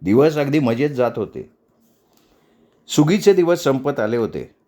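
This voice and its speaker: Man telling a story in measured tones. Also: mid-range voice, very animated, dark tone. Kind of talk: scripted narration of a novel.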